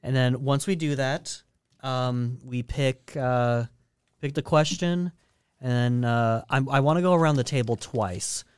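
A man's voice: mid-range voice, measured pace, a little mellow, clean tone, no echo, studio quality. A man hosting a casual podcast chat, explaining a trivia game with lots of ums and uhs. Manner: rambling, many ums and uhs. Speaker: podcast host running trivia.

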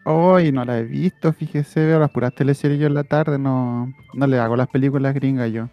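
A man's voice: mid-range voice, fairly even intonation, moderate pace, highs cut off, faint music behind, natural voice. Man doing a doting old lady hostess. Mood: polite. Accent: Chilean. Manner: fussy, doting and polite. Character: sweet, affectionate elderly rich lady hostess.

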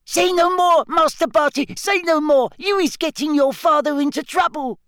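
A tiny female house-elf shrieks in a piercingly high, desperate voice, as a man puts her on for an audiobook, her words tumbling out in broken grammar. She is devoted and panicked, and the reading is close and dry. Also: normal speed, a bit bright, no room sound. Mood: pleading. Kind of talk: audiobook character voice.

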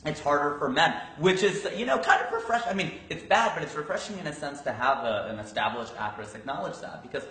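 A man in his forties hosting a casual interview podcast, joking and quick with wisecracks. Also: fairly high pitch, lively intonation, fairly bright tone. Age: 40s. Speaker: podcast host. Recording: echoey room.

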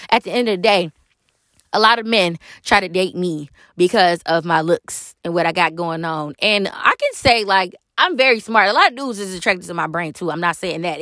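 A woman's voice: mid-range voice, fairly bright tone, no room sound, clean studio sound. Frank, emphatic young woman giving advice. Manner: candid, emphatic and preachy, swears freely. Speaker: vlogger. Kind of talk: casual dating advice monologue.

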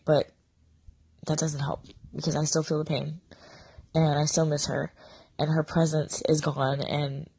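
Casting: middle-aged female vlogger with a lost, sore-throated voice, raspy whisper, low and gravelly, halting and heartfelt in confession. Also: darkish tone, dry recording. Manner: halting, subdued, sincere. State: sick with sore throat, voice almost gone. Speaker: vlogger addressing followers. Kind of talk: confessional casual monologue.

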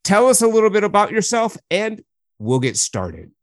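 A man's voice: sits high, huge pitch swings, normal speed, no room sound, clean studio sound. A man hosting a recovery podcast, reading an enthusiastic scripted introduction. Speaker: podcast host. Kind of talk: scripted intro then interview.

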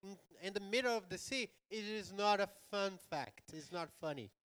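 Church interpreter, male, slow and smooth, fairly high voice. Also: animated, a bit bright. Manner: rephrases the preacher line by line, with small grammar slips. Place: church hall.

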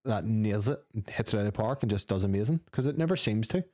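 A man's voice: on the low side, expressive, quick pace, warm tone, no room sound, clean studio sound. A man co-hosting a gaming podcast who chats casually, gives strong opinions, swears freely and reads out news items. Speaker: podcast co-host.

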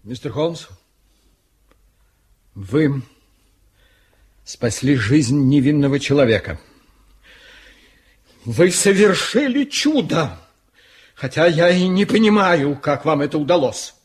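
Husky, official Inspector Lestrade. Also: male voice, on the high side, sing-song, slow pace, pauses often, full character voice. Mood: impressed. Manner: official, impatient, blustering. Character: gruff, indignant male police inspector. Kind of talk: theatrical radio-play dialogue.

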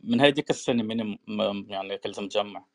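A man's voice: on the low side, rapid-fire. A man with a Levantine Arabic accent talking casually about markets with another person.

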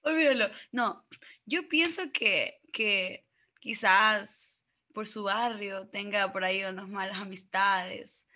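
A woman's voice: mid-range voice, bright, forceful tone. A woman co-hosting a podcast in giggly, teasing casual chat. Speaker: podcast co-host.

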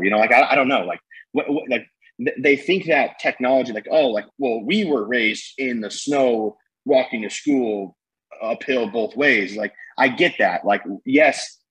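A young man talking fast and energetically in a podcast conversation, rambling with lots of fillers and slang. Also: mid-range voice, a bit bright, breathy edge, poor audio. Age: young adult. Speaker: guest entrepreneur.

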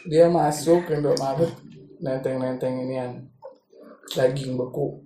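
A man's voice: medium pitch, fairly even intonation, unhurried, mellow. A man with a Jakarta accent chatting and joking casually in Jakarta slang. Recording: echoey, roomy sound.

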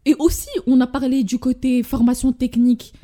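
A young woman from Morocco with a Moroccan accent, hosting a casual podcast chat and telling stories in a lively way, slipping in Darija and English words. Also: high voice, brisk. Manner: animated storytelling, mixing in Darija and English words. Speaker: podcast host.

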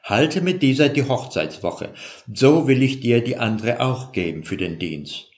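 A man's voice: mid-range voice, unhurried. A man doing a smug, pompous older schemer. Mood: lecturing. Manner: pompous, lecturing, calmly scolding. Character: sly older man, smug father-in-law. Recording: roomy echo.

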